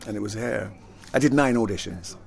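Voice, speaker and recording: An older actor and singer, Jamaican by birth and raised in London, talks in a fairly low, gravelly voice at a brisk clip. His relaxed interview reminiscences ramble, with repeated words and frequent laughter.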